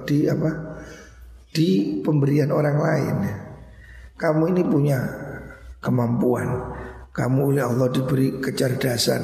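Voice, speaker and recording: A man's voice: medium pitch, gravelly, a little mellow. A man, a cleric giving a religious study lecture in a folksy, teasing way, slipping in asides. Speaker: cleric teaching a religious text. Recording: echoey hall.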